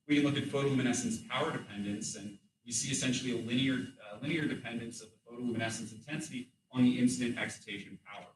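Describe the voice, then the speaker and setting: A man giving an academic thesis defense in a hesitant, hedging way, often pausing and correcting himself. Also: on the low side, fairly bright tone. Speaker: doctoral candidate presenting research. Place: room with audible echo. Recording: roomy echo, distant mic, background noise.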